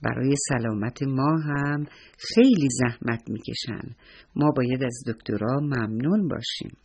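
A man voicing a loving mother who speaks softly and tenderly. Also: medium pitch, husky. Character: loving mother of a young boy, caring.

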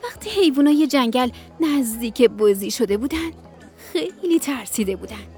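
A woman storyteller narrating a children's bedtime story on radio, gentle and expressive. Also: high-pitched, faint music behind.

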